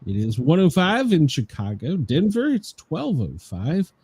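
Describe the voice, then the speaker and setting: A man's voice: fairly high pitch, wildly swooping pitch, a little slow, darkish tone, slightly rough, no room sound. A man hosting a live show in a casual, rambling chat style.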